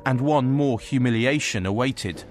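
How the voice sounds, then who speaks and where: A man giving scripted documentary narration in a measured, even delivery. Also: mid-range voice, soft background music.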